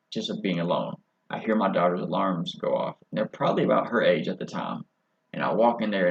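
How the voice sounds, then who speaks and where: Gravelly low-voiced man, candid host. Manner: candid, profane storytelling. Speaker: podcast host. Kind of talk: casual chat. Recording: slightly muffled audio.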